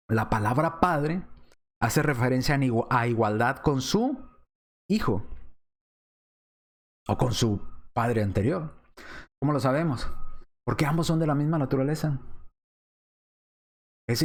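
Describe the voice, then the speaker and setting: A man from Mexico, teaching a Bible study lesson from slides, reasoning aloud with rhetorical questions and frequent hesitations. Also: medium pitch.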